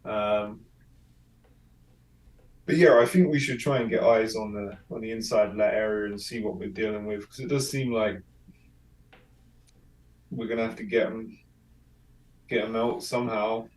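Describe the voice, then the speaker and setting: A man playing in a tabletop game, thinking aloud haltingly. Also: on the low side, steady tone. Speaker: player. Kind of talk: tabletop role-play chat. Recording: echoey room, far from the mic.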